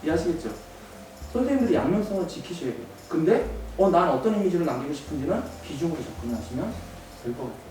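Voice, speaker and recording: Man, teacher workshop lecturer, animated, acts out dialogues, big echoing hall, distant mic, faint music. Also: fairly high pitch, slight background noise. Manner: animated, acts out students and teachers in quick voices, asks the room questions. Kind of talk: lively workshop lecture with acted student quotes. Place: large basement seminar hall, in front of an audience.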